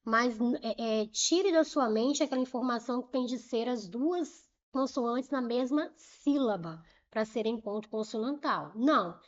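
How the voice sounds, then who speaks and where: Slow-talking Brazilian teacher woman. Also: on the high side, muffled recording. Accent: Brazilian Portuguese. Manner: slow, repeats words aloud to show pronunciation, checks in with "tá?" and "ok?". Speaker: Portuguese teacher for civil service exams. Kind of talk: explaining grammar at a whiteboard.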